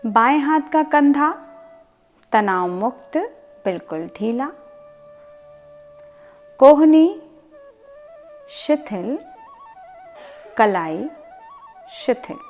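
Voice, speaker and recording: Guiding listeners into sleep, this high-pitched yoga instructor speaks in a calm, deliberate, soothing way, repeating words and leaving pauses. Faint music can be heard behind her.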